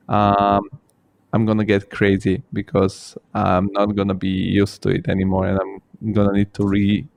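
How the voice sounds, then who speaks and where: Low-voiced man hosting a casual interview. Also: vocal fry, a little mellow. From born in Bulgaria, grew up in Italy. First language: Bulgarian or Italian. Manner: hesitant, many fillers and restarts. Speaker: podcast host.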